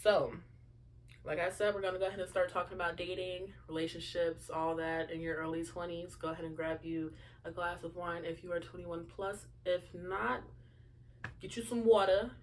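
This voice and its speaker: A woman's voice: fairly low pitch, little pitch movement, moderate pace, slight background noise. A young woman in her early twenties hosting a casual solo chat show, talking to listeners with lots of fillers and asides. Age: young adult. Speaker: podcast host.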